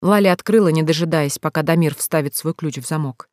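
An audiobook narrator reading a novel in an even, measured storytelling voice. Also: mid-range voice, no echo, studio quality. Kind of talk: scripted narration.

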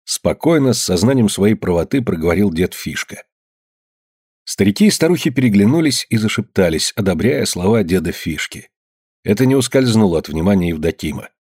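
A man narrating an audiobook in a measured storytelling voice. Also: on the low side, animated, a little mellow, breathy edge, no room sound, studio quality.

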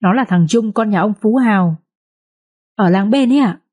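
A woman voicing a heartbroken young village woman who pleads tearfully, in a husky voice. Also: mid-range voice, normal speed, warm tone, close to an everyday voice.

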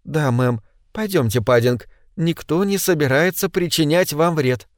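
A man's voice: on the high side, a little slow, dry recording, clean studio sound, close to an everyday voice. A man reading an audiobook, voicing a polite housemaid who speaks soothingly. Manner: polite, reassuring. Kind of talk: audiobook character voice.

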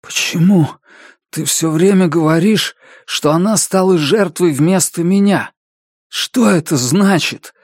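A hoarse, desperate young musician breaks into strained, high-pitched cries, as a man reading the story puts him on. He sounds wracked with guilt. The recording is dry and close, like an audiobook. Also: animated, moderate pace, dry recording. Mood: anguished.

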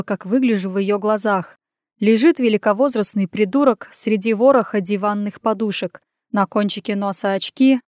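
A woman reads a first-person story as an audiobook narrator, in an even storytelling manner. Her voice is of middle pitch and the recording is dry and close, with no room sound. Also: dry recording. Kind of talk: scripted narration.

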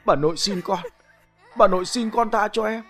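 A man's voice: a little high, expressive, moderate pace, a bit bright, soft background music, voice pushed up. A man voicing an older grandmother with a fussy, scolding manner. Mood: pleading.

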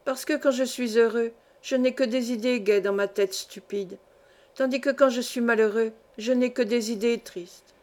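A woman's voice: a little high, fairly even intonation, moderate pace, darkish tone, natural voice. A woman reading the lines of a frightened, tearful young boy in a storybook, in a self-reproaching manner. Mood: tearful, despairing.

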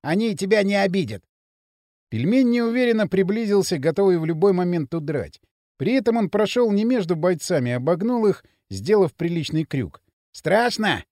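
A man narrating an audiobook in an expressive, wry storytelling manner. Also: high voice, fairly quick, no echo, clean studio sound.

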